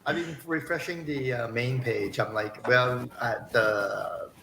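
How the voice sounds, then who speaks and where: A man chatting informally and a little haltingly on a livestream as an author. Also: medium pitch, steady tone, creaky, a crowd in the background. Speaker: author and publisher. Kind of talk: casual livestream chat. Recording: echoey room with faint noise.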